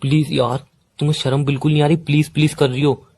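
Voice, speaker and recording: Fast-talking angry young man scolding. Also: a little high, flat delivery, a little mellow, breathy edge. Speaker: boyfriend in a skit. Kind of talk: scripted comedy phone-call skit.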